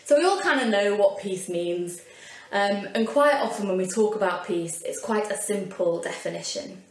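A woman's voice: mid-range voice, expressive, moderate pace. A woman with a Yorkshire accent preaching a sermon in an earnest, conversational way with light asides. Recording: roomy echo.

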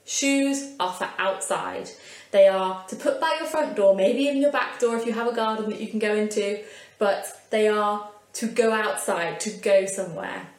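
A woman's voice: medium pitch, moderate pace. A woman with a Yorkshire accent preaching a sermon in an earnest, conversational way with light asides. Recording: roomy echo.

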